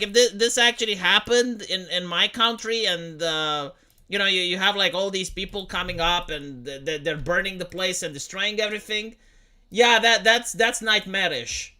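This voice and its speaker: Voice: mid-range voice, pushed and bright. Rambling streamer in their thirties. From Romania. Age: 30s. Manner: rambling, profane, full of restarts. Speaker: livestreamer. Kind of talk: casual livestream commentary.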